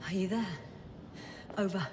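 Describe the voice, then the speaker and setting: An actress playing a woman scientist exploring alien ruins, often speaking in a hushed whisper. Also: mid-range voice, steady tone, moderate pace, distant mic, background noise, natural voice. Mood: weary. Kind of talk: game voice acting.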